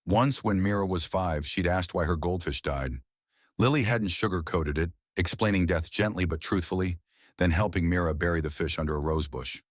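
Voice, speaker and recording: Narrator, male, very low voice, measured dramatic delivery, dry sound. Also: no room sound. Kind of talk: scripted narration.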